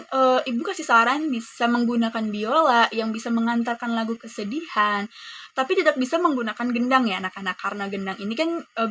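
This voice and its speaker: A woman's voice: on the high side, a bit bright, slight background noise. A woman with an Indonesian accent teaching a class lesson, explaining to pupils and acting out example readings.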